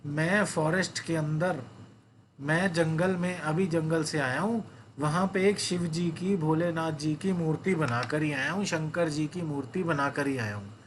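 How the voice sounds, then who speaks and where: A man playing a calm, generous traveling sculptor who speaks to villagers in a friendly, reassuring way. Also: fairly high pitch, a little slow, slight background noise, natural voice.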